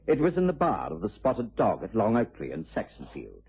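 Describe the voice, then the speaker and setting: An actor playing an amiable, articulate British gentleman doctor, acting and narrating in a period radio drama. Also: lowish voice, wildly swooping pitch, slightly rough, exaggerated voice. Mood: reminiscing. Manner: measured, articulate, genteel. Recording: tinny vintage radio broadcast, faint music.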